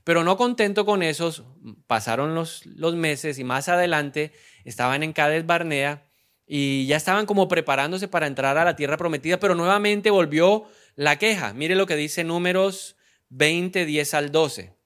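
A man preaching a sermon in a slightly raised voice. He poses questions to his listeners and answers them himself. He drops to a slow, deliberate pace to stress key words and bursts out loudly when he quotes. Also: on the high side. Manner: acts out quoted lines with sudden loud outbursts; slows down to stress key phrases. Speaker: pastor.

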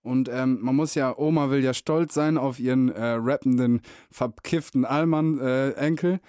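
Junger Mann, Podcast-Host, derb und salopp, trocken aufgenommen. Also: male voice, mid-range voice, fairly even intonation, moderate pace, mellow, dry recording, clean studio sound. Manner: slangy, crude, joking. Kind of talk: casual chat.

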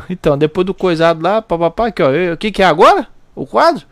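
Guy hosting a comedy radio bit, kinda high voice, joking and cursing. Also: sing-song, fast, dry recording, studio quality. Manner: joking, loose, swears casually. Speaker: radio show host. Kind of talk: casual comedy radio banter.

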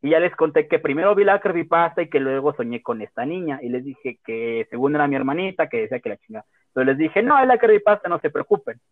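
A young Mexican man casually telling a personal story, animated and full of slang and swearing. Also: on the high side, fast, no room sound. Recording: tinny phone-like audio.

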